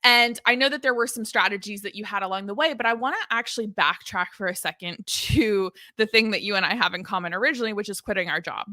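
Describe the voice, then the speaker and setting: A woman's voice: medium pitch, fast, hardly any pauses, bright, forceful tone, no room sound, studio quality. A woman of thirty hosting an interview, enthusiastic and talking in long rambling questions. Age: 30s. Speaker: podcast host. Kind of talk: interview conversation.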